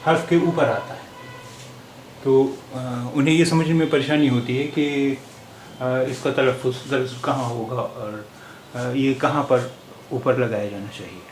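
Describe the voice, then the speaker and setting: A man teaching a language lesson, pausing on fillers and repeating each word several times. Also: mid-range voice, fairly even intonation. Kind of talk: slow explanatory lesson. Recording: echoey room with faint hiss.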